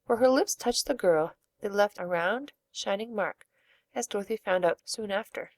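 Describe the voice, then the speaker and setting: Woman storybook narrator, calm and even, mid-pitched voice, dry close recording. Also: normal speed, no echo. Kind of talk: storybook reading.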